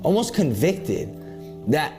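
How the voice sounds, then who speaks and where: A man in his late thirties speaks openly about his past in an earnest, confessional way, his voice now and then catching with feeling. His voice sits a little high for a man. Soft music plays behind him. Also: sing-song, takes it slowly, creaky. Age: 30s. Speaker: interviewee sharing his testimony. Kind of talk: emotional personal testimony.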